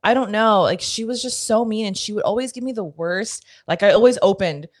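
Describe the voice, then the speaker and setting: A woman's voice: medium pitch, brisk. A young woman in casual chat, wry and blunt, swearing freely as she tells her own work story.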